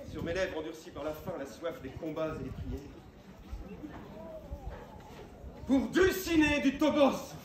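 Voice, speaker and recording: A grandiose, fervent knight acted by a man declaims with hammy stage flourish in a high-pitched voice. He is recorded live from a distance, with plenty of echo. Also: lightly acted. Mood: reverent, exalted. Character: grandiose, lovesick, fervent knight Don Quixote. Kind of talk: theatrical stage acting. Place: live theatre show, far from mic. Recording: distant, echoey, noisy live performance recording.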